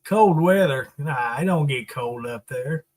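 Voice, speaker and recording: A man from Arkansas with a slow Southern drawl, hosting a casual live chat in a folksy, teasing way as he greets viewers. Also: mid-range voice, expressive, a little mellow. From Arkansas, United States. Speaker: live stream host.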